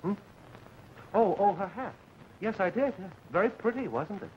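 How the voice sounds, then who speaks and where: An actor playing a flustered, evasive suitor who stammers and placates in 1940s screwball comedy film banter. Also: male voice, sits high, expressive, normal speed. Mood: nervous. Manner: stammering, hesitant. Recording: muffled, noisy 1940s film soundtrack.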